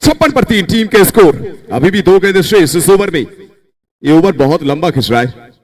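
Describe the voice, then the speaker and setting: Guy doing excited cricket commentary, kinda high voice, jumps up on big hits. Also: normal speed. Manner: voice leaps up excitedly on big shots. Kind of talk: excited live cricket commentary in Hindi with English cricket terms.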